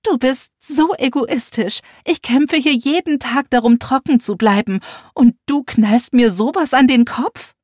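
A self-pitying middle-aged mother, put on by a woman reader, pleads in a raised, plaintive voice. The tone is husky and breathy, recorded dry and close for a storybook. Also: sits high, measured pace, darkish tone, no echo, voice pushed up. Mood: bitter.

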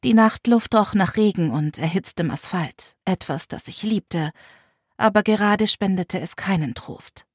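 A young woman reads a first-person audiobook with an intense, emotional delivery. Her voice is husky and breathy. It sits close on the mic in a dry, dead room. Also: mid-range voice, a little slow, dry recording. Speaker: audiobook narrator.

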